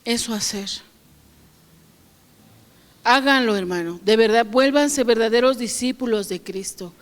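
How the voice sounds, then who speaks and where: A woman's voice: fairly high pitch, a little slow. A woman pastor preaching a sermon to her congregation, often asking them questions and varying her delivery.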